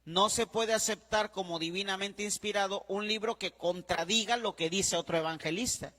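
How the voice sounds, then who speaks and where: This classroom lecture comes from a priest whose voice sits high and is a bit bright, speaking at a moderate pace in a large hall. He goes over his points repeatedly, spells out words letter by letter and checks often that his class keeps up.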